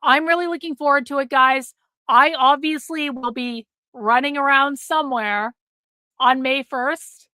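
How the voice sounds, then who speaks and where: Bright and forceful, her voice sitting high with no echo, a middle-aged woman runs a livestream. Her casual talk to chat is blunt, full of free swearing and repeated lines for emphasis, as she steadily loses her voice.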